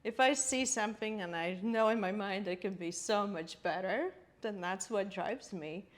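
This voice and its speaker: Woman on a podcast, talks it through slow, laughs a lot. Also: mid-range voice. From Latvia. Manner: thoughtful, searching for words, laughs often. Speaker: interior designer guest. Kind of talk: podcast interview.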